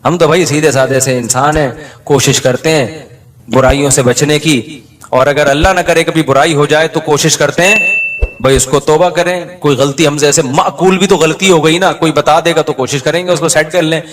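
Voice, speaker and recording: Male preacher, higher-pitched, sermon storyteller who acts out quotes with humor. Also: fairly even intonation, normal speed, fairly bright tone. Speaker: Islamic preacher.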